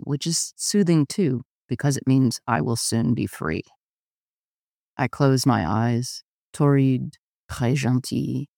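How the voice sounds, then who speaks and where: A man reading a first-person literary story aloud in a measured, intimate narration. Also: mid-range voice, creaky, a little mellow, no echo, studio quality. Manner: measured, intimate, often slow. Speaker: audiobook narrator.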